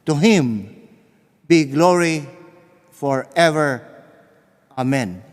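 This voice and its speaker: A man's voice: on the high side, animated. A man reading scripture aloud as lector at Mass, formal and solemn, in a large echoing church. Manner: measured, formal. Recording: echoing church with long reverb.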